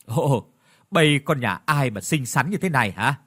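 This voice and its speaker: A man's voice: medium pitch, lively intonation, normal speed, fairly bright tone. A man voicing a stern, imperious older mistress of a rich household who talks down to her servants in an audio story. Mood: commanding.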